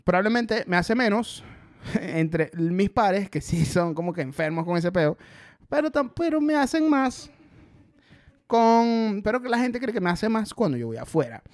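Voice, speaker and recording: A comedian from Maracaibo talking in a casual, joking way, with a Maracaibo Venezuelan Spanish accent and lots of swearing. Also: male voice, sits high, unhurried, dry recording, clean studio sound. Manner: animated, joking, swears freely. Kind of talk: casual comic chat.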